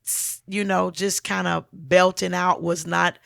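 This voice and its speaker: Gravelly, bright-voiced woman singer. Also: fairly low pitch, measured pace, dry recording, clean studio sound. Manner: animated, laughs often, strong big voice. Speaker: guest singer, talent show winner. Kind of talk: casual interview chat.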